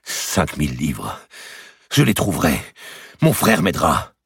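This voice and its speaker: A man voicing a proud but desperate archbishop in an audiobook, pleading and insistent, pushing his voice higher and louder. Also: very animated, a little slow, husky, no room sound, exaggerated voice. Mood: agitated, pleading. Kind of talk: audiobook character reading. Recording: dry close recording.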